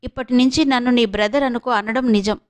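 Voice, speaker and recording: Brief: a woman doing a furious young woman, sharp and indignant, high voice, storybook reading. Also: steady tone, brisk, close to an everyday voice. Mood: bitter. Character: fierce defiant young woman wronged.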